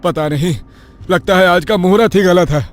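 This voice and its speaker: A gruff, short-tempered village father in a cartoon, barking his words with a raised, higher voice, as the narrator puts him on. He sounds scolding and impatient. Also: moderate pace, natural voice. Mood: urgent.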